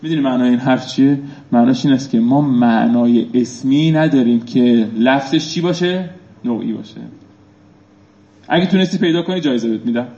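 A man's voice: mid-range voice, dark tone. A male teacher reading phrases from a classical text aloud and explaining them, often putting questions to his students. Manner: reads Arabic phrases then explains, asks students questions. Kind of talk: seminary lecture on Arabic text. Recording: echoey dull room recording.

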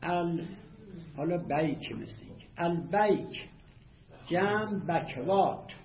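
Guy lecturing a class, reads a line then explains it, echoey room, kinda muffled audio with faint hiss. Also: on the high side. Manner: measured, explanatory, reads quotes aloud then glosses them. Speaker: teacher of Arabic rhetoric.

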